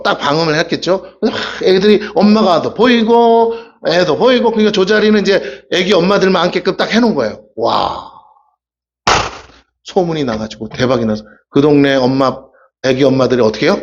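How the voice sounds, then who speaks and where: A man's voice: a little high, expressive, a little fast. A male pastor giving a casual, humorous sermon, telling stories and asking the congregation questions. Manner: chatty storytelling, asks the congregation questions, acts out voices. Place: church sanctuary. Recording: dull lo-fi church recording.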